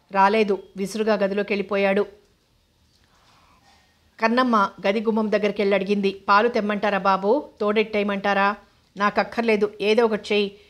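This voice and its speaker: A woman reading a novel aloud as narrator, voicing every character in her own even tone. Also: mid-range voice. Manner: flat even reading, voices all characters plainly.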